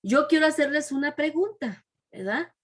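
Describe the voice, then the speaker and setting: A woman's voice: sits high, lively intonation, moderate pace, voice pushed up. A woman voicing a stern male Roman governor who questions a crowd in a children's Bible lesson. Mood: questioning. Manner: raised, questioning delivery.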